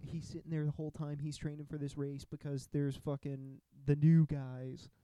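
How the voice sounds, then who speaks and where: A young man co-hosting a podcast, rambling and excitable in casual chat, swearing often. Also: on the high side, moderate pace, clean tone, no echo. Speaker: podcast co-host.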